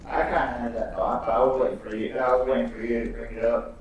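A man's voice: medium pitch, flat delivery, fast talker. Dry-humored man in a very echoey room. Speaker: co-host of a let's-play. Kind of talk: casual gaming commentary. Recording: very echoey room, far from mic, faint hiss.

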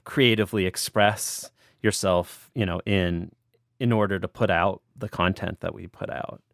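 Lowish-voiced man interviewing casually. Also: fairly even intonation, normal speed, gravelly, dry recording, clean studio sound. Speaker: podcast co-host.

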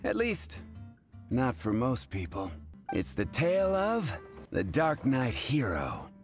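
A man voicing an affable, chatty bartender in a video game, relaxed and wry as he shares rumours. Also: mid-range voice, slow pace, exaggerated voice. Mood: amused, casual. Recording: music in the background.

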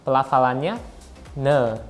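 A man teaches a video language lesson in a playful way and drills each sound by saying it again and again. Soft music plays faintly under his voice. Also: mid-range voice, a little slow.

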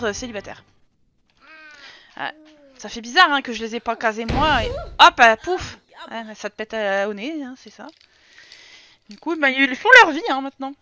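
Bright, chatty young French woman streamer. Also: fairly high pitch. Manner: chatty, teasing, talks to chat and game characters. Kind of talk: casual live-stream chat.

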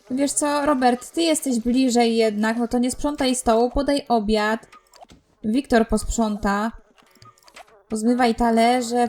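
A woman's voice: a little high, a little mellow. A young woman casually commenting on her life-simulation game, exasperated and bossing her characters around with frequent laughs. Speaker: let's play host.

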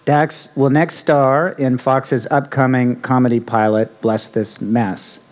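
A man's voice: mid-range voice, fairly even intonation. Man in his 40s, dept chair at an outdoor podium, reads a formal intro, lots of uh and um. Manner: halting, with fillers and restarts, reading a list. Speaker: department chair introducing the speaker. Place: outdoor university ceremony stage. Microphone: podium mic on stand.

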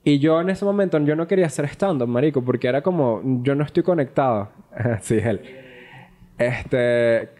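A young man, co-hosting a podcast and telling a personal story in a casual, animated, swear-filled way. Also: medium pitch, normal speed. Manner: animated, profane, acts out quoted dialogue. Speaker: podcast co-host.

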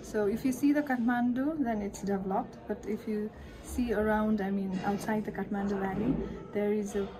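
A woman's voice: mid-range voice, fairly even intonation, normal speed, noisy background. A young woman from Nepal with a Nepali accent, answering interview questions hesitantly and searching for words. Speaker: social institute director.

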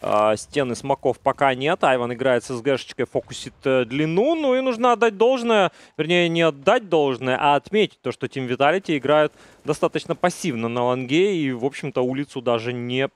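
A man working as an esports caster, calling a live shooter match excitably and lifting his delivery on big plays. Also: mid-range voice, a little fast, dry recording.

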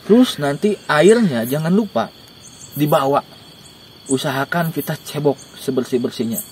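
A young man giving joking, animated camping tips outdoors in a dark forest at night, recorded by a camera a few steps away. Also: on the high side, normal speed, a little hiss or hum. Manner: joking, animated, gestures while talking. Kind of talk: casual outdoor interview. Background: faint insects and crickets.

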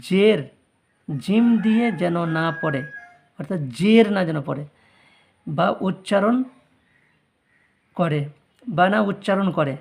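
A Quran reading teacher leading a slow letter-by-letter drill, spelling out syllables and repeating each word, with quick, quieter asides explaining the rules. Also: mid-range voice, creaky. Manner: spells out syllables, then repeats whole words.

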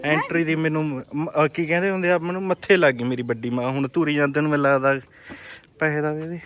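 A man's voice: fairly high pitch, steady tone, fast talker, a crowd in the background. A young man chatting casually and playfully as a vlogger, full of slangy exclamations. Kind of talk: casual vlog chat. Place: outdoors on streets and at a scooter workshop. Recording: noisy outdoor vlog with traffic.

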